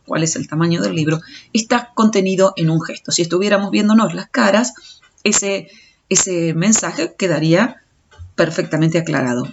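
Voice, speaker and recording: A woman teacher with a mid-range voice explains her material step by step in a recorded audio lecture, often restarting and stumbling. The recording is dull and lo-fi, with slight background noise.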